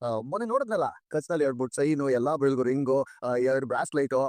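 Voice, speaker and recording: Man playing a coaxing, flattering driver. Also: medium pitch, quick pace, no echo, close to an everyday voice. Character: eager young driver coaxing his boss. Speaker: driver asking his boss for money. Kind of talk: TV serial acting.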